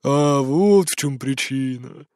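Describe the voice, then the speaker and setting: A man voicing a drunk, bitter middle-aged man who drawls, jeers and shouts. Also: a little high, animated, measured pace, no echo, clean studio sound. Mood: drunkenly mocking. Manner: slurred drawling, jeering and shouting.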